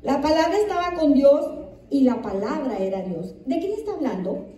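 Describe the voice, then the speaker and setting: High-pitched, mellow-voiced woman pastor preaching. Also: big pitch swings, moderate pace, slight background noise. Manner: reads scripture aloud and repeats it with emphasis; asks the congregation questions. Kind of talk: sermon. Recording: echoey room, distant mic.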